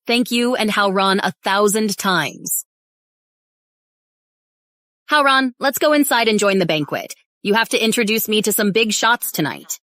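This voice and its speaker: A woman's voice: mid-range voice, lively intonation, a little slow, a bit bright, no room sound. A woman dubbing an arrogant, spoiled young heiress who talks down to everyone, recorded dry in a studio. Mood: scheming. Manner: sneering, haughty. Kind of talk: English drama dub.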